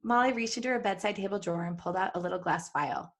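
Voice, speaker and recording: A podcast co-host, female, speaks quickly in a fairly low voice. She reads fan fiction aloud with giggles and jokes, breaking away now and then for casual remarks.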